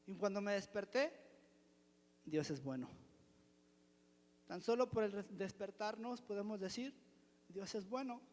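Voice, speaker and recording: A man from the church's pastoral team gives an emphatic testimony sermon at a measured pace with long pauses, repeating a refrain and asking rhetorical questions. His high voice is a little mellow and trails a long reverb tail in the church hall.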